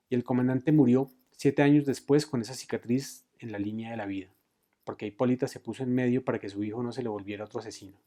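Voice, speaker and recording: Dark-toned man reading a novel aloud. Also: mid-range voice. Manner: expressive reading, raising his voice for shouted quotes. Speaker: book reader.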